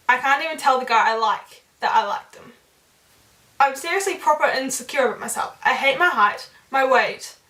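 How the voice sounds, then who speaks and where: Young female vlogger, high voice, rapid giggly delivery, roomy mic-distant sound. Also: pushed and bright. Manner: fast-talking, giggly. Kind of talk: reading viewer confessions to camera.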